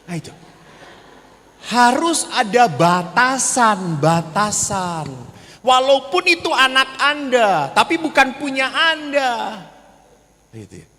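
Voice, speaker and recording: High, bright-voiced man joking from the pulpit. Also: sing-song, slow. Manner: joking storyteller who acts out voices. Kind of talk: humorous seminar talk. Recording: reverberant hall, faint noise.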